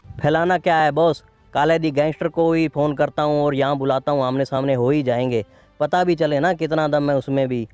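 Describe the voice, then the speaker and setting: Man as cocky young gang member, smooth higher voice, faint music. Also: fairly even intonation, a little fast, a little mellow, no echo, natural voice. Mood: defiant. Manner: brash, challenging.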